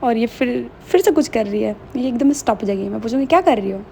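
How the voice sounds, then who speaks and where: A woman's voice: fairly high pitch, fast, vocal fry, dark tone, a little hiss or hum. A young woman chatting casually in a vlog voice-over, slipping English phrases into her talk. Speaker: vlogger.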